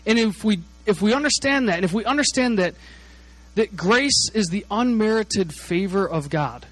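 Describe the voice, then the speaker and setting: High-voiced man telling a sermon story. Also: normal speed, no room sound, rough recording. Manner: animated, chatty, frequent "like" fillers.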